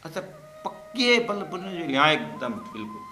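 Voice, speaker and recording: A man, a spiritual teacher, telling a humorous story as part of a religious lesson in a jokey, lively way. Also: fairly high pitch, moderate pace, echoey room, slight background noise.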